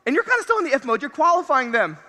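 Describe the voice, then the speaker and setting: High, bright-voiced man pumping up a hall. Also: racing. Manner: energetic, punchy, repeats key phrases, laughs between points. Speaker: convention speaker. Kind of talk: motivational stage talk. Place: large convention hall. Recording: reverberant convention hall.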